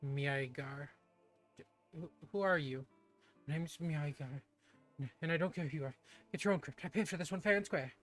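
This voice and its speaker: A man's voice: on the high side, moderate pace, pauses often, fairly bright tone, soft background music, lightly acted. A man voicing a pompous male ghost who hides in a crypt and talks in a dismissive, old-fashioned way. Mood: irritable. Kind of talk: voicing game dialogue aloud.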